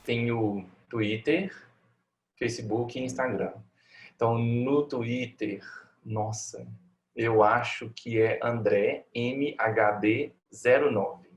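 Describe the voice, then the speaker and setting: A man's voice: medium pitch, fairly even intonation, takes it slowly. A Brazilian man, a family doctor, answering interview questions in a reflective, conversational way, often ending thoughts with tag questions. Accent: Brazilian Portuguese.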